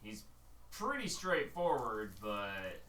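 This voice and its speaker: Bright-voiced male game master, roomy sound. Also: mid-range voice, sing-song, slow pace. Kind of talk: narrating a tabletop role-playing game. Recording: roomy, distant mic, faint noise.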